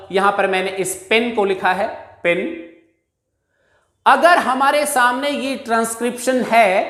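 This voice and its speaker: A man with an Indian accent teaching an English pronunciation lesson, slowly drawing out each example word. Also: high voice, a bit bright, reverberant.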